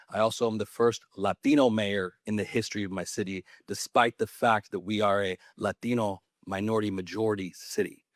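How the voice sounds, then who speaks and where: A Californian mayor in his thirties speaks to an audience on a conference panel with earnest, passionate conviction. His voice is lowish, and the studio-quality recording has no room sound.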